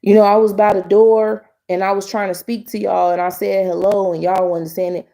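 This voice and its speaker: A woman quoting a pushy, overly friendly male stranger who shouts greetings at people. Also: medium pitch, little pitch movement, normal speed, creaky, lightly acted. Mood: insistent. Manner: loud, insistent greetings.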